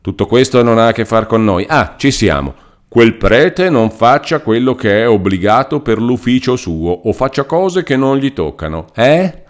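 A man's voice: on the low side, animated, fairly quick, few pauses, voice pushed up, lightly acted. A man voicing a pompous, fussy middle-aged country lawyer who blusters and reads legal texts theatrically.

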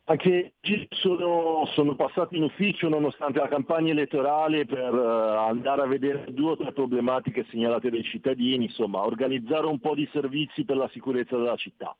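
A man, a city councillor, calling in by phone to a radio show and explaining in a steady, official tone. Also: medium pitch, fairly quick, hardly any pauses, no room sound. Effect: heard over the phone. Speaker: city councillor phoning in as a guest. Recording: tinny, dry phone line.

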